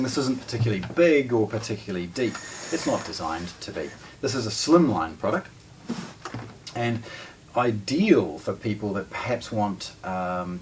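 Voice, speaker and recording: A man in his forties with a New Zealand accent and a lowish voice presents products for a hi-fi shop. He does a casual, explanatory unboxing, stopping partway through sentences, in an indoor room with shelves of discs and a wooden table. The mic is distant and background noise is noticeable.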